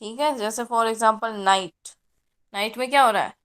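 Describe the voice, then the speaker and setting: Fairly high-voiced woman teacher explaining. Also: moderate pace, a bit bright, smooth. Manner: patient, explanatory, checks with "ठीक है" often. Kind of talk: online class lecture.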